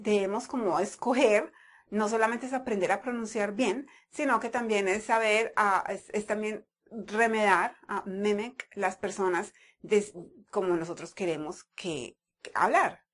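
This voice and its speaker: A woman's voice: medium pitch, measured pace. A woman from Medellín with a paisa Colombian accent, explaining a language topic in a conversational way and sometimes repeating words as she thinks. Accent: Colombian Spanish, Medellín (paisa). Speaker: language teacher. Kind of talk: talking to camera, explaining. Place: United States.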